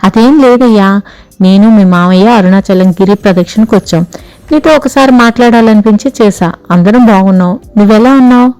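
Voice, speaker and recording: A woman voicing a soft-spoken, patient middle-aged wife in an audio story, with a kindly but firm way of talking. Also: medium pitch, normal speed, smooth, lightly acted. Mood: gentle coaxing.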